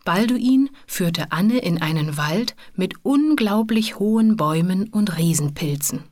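A woman reading a children's story aloud in a calm, gentle way. She talks very slowly in a somewhat low voice. The sound is dry and close. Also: no room sound.

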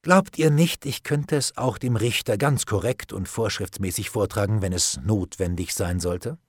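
A man voicing a calm, ironic nobleman in an audiobook, speaking in a low, measured voice with cool menace. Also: slightly rough, no echo. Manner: calm, dry, ironic, unhurried. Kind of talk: audiobook character reading.

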